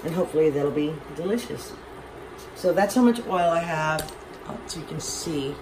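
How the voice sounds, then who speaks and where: With a low, expressive voice at normal speed, a Southern home cooking vlogger rambles and pokes fun at herself during a casual cooking demonstration. A crowd can be heard in the background, and a loud fan makes her home kitchen noisy. The shot comes from an overhead camera on the stove.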